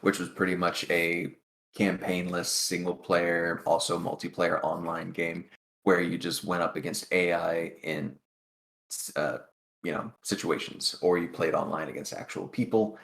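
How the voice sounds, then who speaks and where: Deep, gravelly male co-host. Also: flat delivery, measured pace, a bit bright. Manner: dry, teasing. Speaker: podcast co-host. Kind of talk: casual chat.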